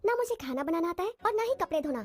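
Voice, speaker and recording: A touchy young student. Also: female voice, extremely high pitch, lively intonation. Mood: cheerful. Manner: insists on her name, quick to take offence. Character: young woman, proud and touchy. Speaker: medical student. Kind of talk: dubbed film acting. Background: music.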